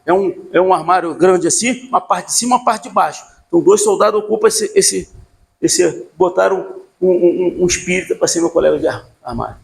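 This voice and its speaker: A man's voice: high-pitched, fairly quick, gravelly. An older man preaching a sermon as pastor, asking the congregation questions and telling stories from his life. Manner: rhetorical questions to the congregation, animated storytelling.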